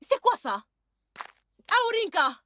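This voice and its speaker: A woman's voice: very high voice, sing-song, pushed and bright, a little hiss or hum, exaggerated voice. A woman dubbing an indignant, spoiled young princess in a French-dubbed film. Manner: scolding, indignant, rapid.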